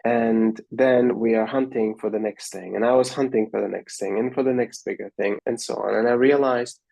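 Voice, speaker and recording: A man from Austria, a guest on an interview show, telling his story in an earnest, measured and searching way. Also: mid-range voice, steady tone, creaky, dark tone, dry recording, rough recording.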